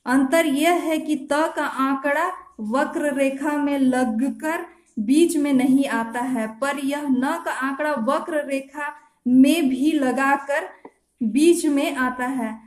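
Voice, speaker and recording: A woman teaching shorthand step by step, slowly spelling out each stroke and repeating her examples. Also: high-pitched, reverberant. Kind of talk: slow step-by-step tutorial.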